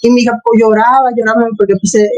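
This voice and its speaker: A woman's voice: fairly high pitch, little pitch movement, fast talker, muffled recording. A middle-aged woman tells her personal story as an interview guest, earnest, with many fillers and acted-out quotes. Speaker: interview guest, former Jehovah's Witness. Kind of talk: personal testimony, casual storytelling.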